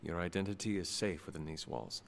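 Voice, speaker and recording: An actor playing a calm, solemn man in a video game, speaking formally and in a measured way without contractions. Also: deep voice, vocal fry, a little hiss or hum.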